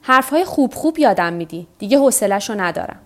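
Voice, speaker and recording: A woman's voice: mid-range voice, sing-song, natural voice. A woman reading the part of a weary, stubborn old fisherman who talks to himself. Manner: talks to himself, tired and rueful.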